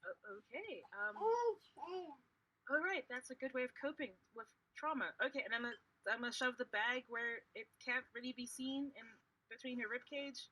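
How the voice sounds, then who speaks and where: A woman playing in a tabletop roleplaying game, improvising casually and often halting to search for words. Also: on the high side, pushed and bright, poor audio.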